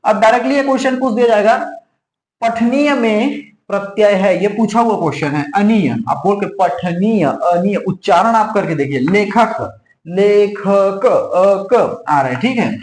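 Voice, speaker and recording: A man's voice: sits high, lively intonation, moderate pace, echoey room, poor audio. A man teaching an online exam-prep class, repeating key points over and over and checking in constantly with the students. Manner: repetitive, drills points with frequent "theek hai".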